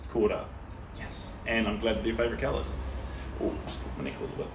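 A young adult man from Tauranga on New Zealand's North Island livestreams himself painting in a small indoor art studio, chatting in an easygoing, encouraging way and reading out viewers' comments. His voice is lowish and fairly even, and he talks fast. The camera or phone sits a few steps off, so the sound is roomy and distant with faint noise.

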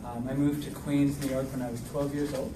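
A man's voice: mid-range voice, flat delivery, brisk, noisy background. A man from Israel speaking casually at a panel in a lecture room, joking and using many fillers. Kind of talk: public talk at a panel. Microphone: far camera. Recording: echoey room from far off.

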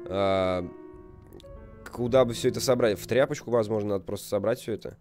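A man's voice: fairly low pitch, fairly quick, darkish tone, soft background music. A young man giving casual, rambling, jokey video game commentary, reacting aloud and reading on-screen text. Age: young adult. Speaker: video game let's player.

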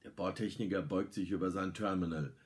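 A middle-aged man with a fairly low voice reads a story aloud in a dramatic, lively way. He lifts his voice when he speaks the characters' lines. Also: a little fast.

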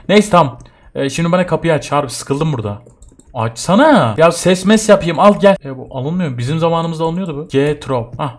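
A young man, joking and yelping through a horror game as he plays it. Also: a little high. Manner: jumpy, yelps and jokes while scared. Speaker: gaming YouTuber. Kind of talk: horror game let's play commentary.

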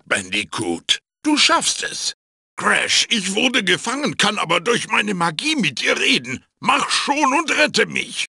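In German video game voice acting, a man voices a fussy but wise magical talking mask who mentors the player in a cartoonish game, offering tutorial hints and quips with urgency. His full character voice is bright, raspy and gravelly, swinging very widely in pitch, every line theatrical, emphatic and swooping. The close, dry recording has no echo.

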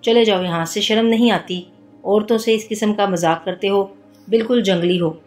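A woman voicing a sulky, indignant young woman who talks in a sharp, petulant way, over soft music. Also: mid-range voice, moderate pace, natural voice.

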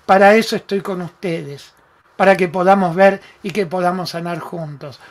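Hosting a live-streamed self-help session, a man with an Argentine Spanish accent speaks with emphasis and warmth, calling out viewers by name as a spiritual talk show host. His voice is high, his intonation fairly even, and his speed normal.

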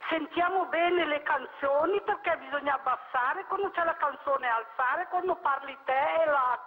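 A woman's voice: sits high, moderate pace, big-room sound. A woman from northern Italy calling in to a TV music show by phone, chatty and rambling as she explains a problem. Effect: heard over a phone line.

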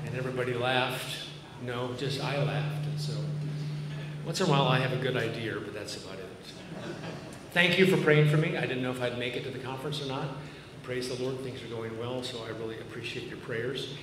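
Preaching a sermon from a podium on a big church auditorium's stage, a pastor in his fifties with a mid-range voice and a Massachusetts accent speaks earnestly and conversationally, making dry jokes at his own expense. A podium mic and a distant camera at the back capture him, and the audio carries a long reverb tail through the roomy hall along with clear background noise.

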